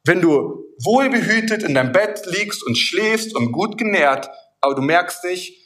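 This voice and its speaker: Emphatic preacher with a somewhat high voice. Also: male voice, expressive, unhurried, a bit bright. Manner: emphatic, addresses the listener directly with repeated phrases; tells a vivid story to illustrate the point. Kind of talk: sermon.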